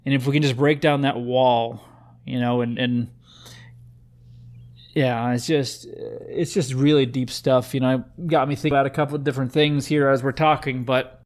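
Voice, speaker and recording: A man's voice: mid-range voice, fairly even intonation, moderate pace, a little mellow. A man hosting a podcast, talking in a rambling, heartfelt way with many fillers. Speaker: podcast host. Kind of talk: casual podcast interview.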